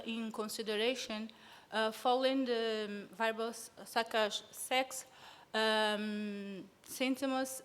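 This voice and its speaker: A nervous woman from São Tomé and Príncipe, whose first language is Portuguese, gives an academic talk at a conference, presenting in a reverberant hall. Her voice is a little high and smooth, and she is hesitant, with many fillers.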